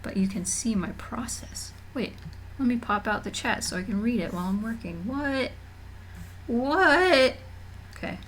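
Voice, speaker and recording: A young woman talks casually to her stream from a room at home, rambling with plenty of fillers and restarts. She sounds a little queasy but keeps chatting. Her pitch sits in a middle range, with a faint hum of room noise behind her. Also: a little fast. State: mildly nauseous. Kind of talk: casual livestream chat.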